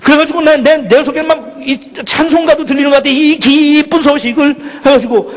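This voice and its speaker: A middle-aged male pastor preaching a dramatic personal story at a retreat, swinging between loud outbursts and hushed lines. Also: extremely high pitch, a little fast. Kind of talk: impassioned sermon storytelling. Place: large hall at a student retreat. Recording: echoey hall with long reverb.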